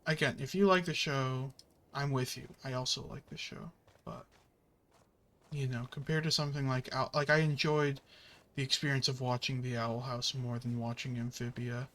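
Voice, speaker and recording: A gaming channel host with a slightly bright mid-range voice and fairly even intonation chats casually at a normal speed while playing a video game. He rambles with many fillers and occasionally swears at the game.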